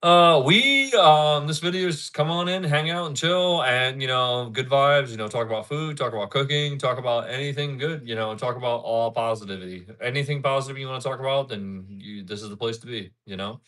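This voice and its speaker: Thirties male streamer, bright forward voice, loose rambling chat with viewers. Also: medium pitch, a little fast, few pauses. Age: 30s. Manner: rambling, repeats himself, talks back to chat. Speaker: livestreamer. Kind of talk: casual live-stream chat.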